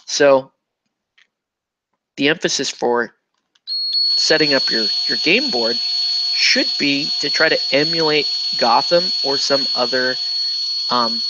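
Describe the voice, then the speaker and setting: On a lo-fi recording with heavy background noise, a man with a mid-range voice hosts a miniatures hobby show. He builds models while rambling and joking with lots of fillers, breaking into laughter and putting on silly voices.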